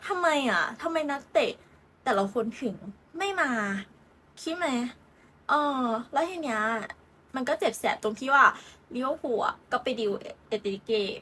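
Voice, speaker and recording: Bright, giggly young woman chatting football. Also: sits high, lively intonation, normal speed. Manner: chatty and giggly, with many fillers and playful asides. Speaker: football channel host. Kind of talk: casual football transfer chat.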